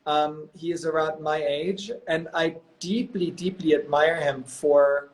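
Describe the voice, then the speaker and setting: On a live video call, a man from Germany in his thirties, a company executive appearing as a guest, spins stories in a chatty way peppered with "you know" and "um." He has a fairly high voice with fairly even intonation and a measured pace. The audio quality is poor.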